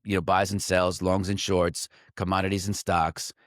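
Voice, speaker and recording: A trading coach speaks to camera in a low, slightly bright voice with little pitch movement and a moderate pace. Reflecting aloud in a loose, conversational way, he fills his talk with "like" and "um," restarting and correcting himself mid-sentence. The audio is studio quality with no echo.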